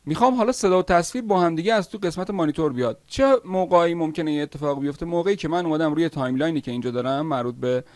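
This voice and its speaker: Man teaching editing software, dry close sound. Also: a little high, no echo. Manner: step-by-step explaining, with frequent "uh" pauses. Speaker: video editing instructor. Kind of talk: screen-recorded software tutorial.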